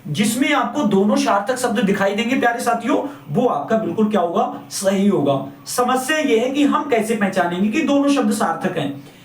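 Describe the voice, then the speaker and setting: In a classroom or coaching room, a man with a very high-pitched, animated voice gives a Hindi grammar lecture at a moderate pace. He repeats his points and poses questions to the class, then answers them himself. The room is echoey and the mic sits at a distance.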